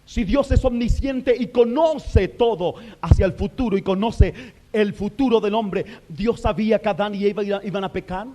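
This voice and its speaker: A male minister preaching a fervent sermon to a congregation in a church, shifting between quiet passages and shouted declarations, with rhetorical questions to the listeners. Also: sits high, normal speed, slight background noise.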